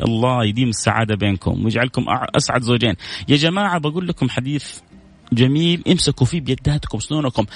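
A man's voice: fairly high pitch, dry recording. A man hosting a live stream, reading viewer messages and answering with blessings, prayers and light jokes. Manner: warm, preachy, heaps blessings, jokes with viewers. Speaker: host reading viewer comments.

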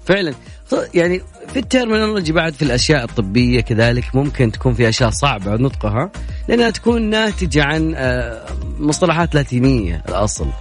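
A man's voice: mid-range voice, very animated, soft background music. A man hosting a casual radio talk show, chatty and playful. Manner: chatty, playful, fast-talking. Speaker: radio host.

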